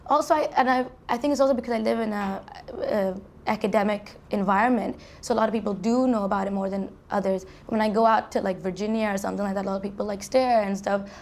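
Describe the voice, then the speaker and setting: Speaking at a quick pace with a medium-pitched, steady voice, a young adult college student raised in Saudi Arabia chats through an interview from her university dorm. She often restarts her sentences and leans heavily on "like."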